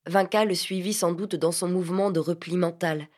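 A woman narrating a literary audiobook in a measured, even reading. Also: on the low side.

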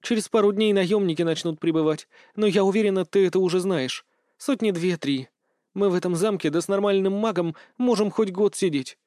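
A man's voice: sits high, fairly quick, a little mellow, no room sound, studio quality, voice pushed up, lightly acted. A man reading aloud voices a weary, stubborn noble baroness who talks in a tired, pleading way.

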